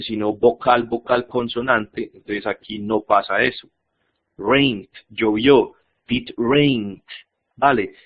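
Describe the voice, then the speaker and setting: A man teaching a grammar lesson slowly and patiently, repeating each example and checking that students follow. His voice comes through thin, phone-like audio. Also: mid-range voice. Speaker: English teacher.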